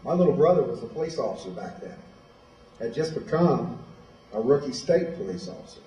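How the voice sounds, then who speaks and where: A man from Illinois, USA, speaks as a guest at a high school, telling his own story in plain, direct words. His mid-range voice is mellow and animated, moving fairly quickly. The recording is echoey and distant, with slight background noise, as if captured in the school hall.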